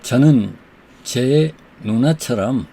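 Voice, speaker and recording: Slow-talking gravelly male teacher. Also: mid-range voice, warm tone. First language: Korean. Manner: slow, deliberate English examples, faster Korean explanation. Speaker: English teacher. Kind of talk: slow explanatory lesson.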